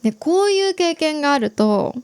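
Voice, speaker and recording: A young adult Japanese woman hosting an easy-Japanese learning podcast, explaining gently and chatting with listeners. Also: high voice, lively intonation, normal speed, no echo. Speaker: podcast host teaching Japanese.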